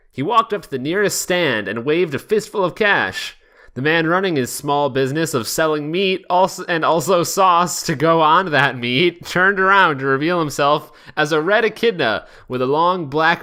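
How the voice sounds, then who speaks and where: Reading fan fiction on his podcast, a man with a fairly high, sharp-toned voice keeps things casual and comedic. Laughter keeps breaking through, and he stumbles over words now and then.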